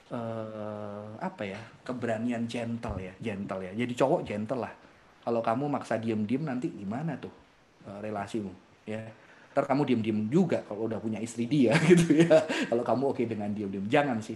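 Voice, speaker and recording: Male speaker, 30s to 40s, mid-pitched voice, lively seminar delivery with frequent laughter. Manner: animated, laughs often, acts out quotes. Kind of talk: seminar talk answering youth questions.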